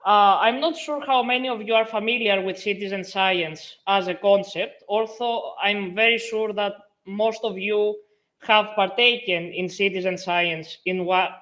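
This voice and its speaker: A young woman from Greece giving a friendly online lecture, pausing often with fillers as she presents over a video call. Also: mid-range voice, a bit bright. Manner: friendly, with frequent filler pauses. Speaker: guest lecturer.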